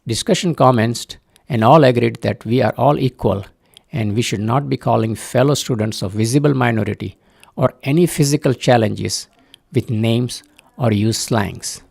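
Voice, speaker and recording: An older man from Uganda reads his own story aloud in a measured, earnest voice. The voice is gravelly and a little husky. The sound is dry and close. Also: medium pitch, darkish tone, dry recording. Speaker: parent telling a personal story. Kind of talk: scripted personal narration.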